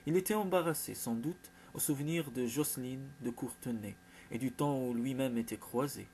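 A man's voice: medium pitch, normal speed, a little mellow, a little hiss or hum. Man narrating a storybook. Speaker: audiobook narrator. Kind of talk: scripted narration.

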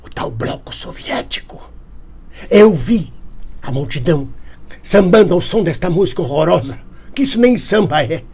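An older man putting on a paranoid right-wing crank with a Brazilian Portuguese accent, fretting about communists in a satirical comedy monologue. The voice is husky and a touch high. He lurches from conspiratorial whispers to shrill indignation. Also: expressive, moderate pace, darkish tone. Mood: panicked ranting. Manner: alarmed, indignant, swings from whispers to high outbursts.

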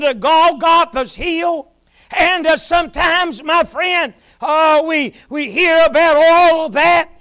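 At the pulpit of a small church sanctuary, a high-pitched man delivers a sermon. He preaches in rising shouts, then drops to a hush.

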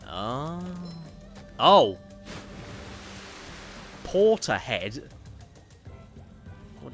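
A man streams a video game, chatting casually and reading viewer messages aloud while rambling and correcting himself as he goes. His mid-range voice is a bit bright.

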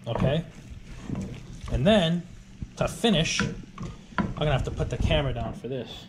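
A young man talks casually through his cooking in a slightly high voice. He is informal and emphatic, repeating himself for stress. Clear background noise and clicks sit behind him in a home kitchen. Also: expressive, measured pace. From Rhode Island, USA. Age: 20s. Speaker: home cook vlogger. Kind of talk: casual cooking vlog narration. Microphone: action camera, close or at arm's length.

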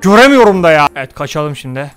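A man giving casual let's-play commentary, excitable, talking to his viewers and cursing at the game. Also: on the high side, fast talker, clean tone, faint music behind. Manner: excitable, talks to viewers, mutters and curses at the game. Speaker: gaming YouTuber.

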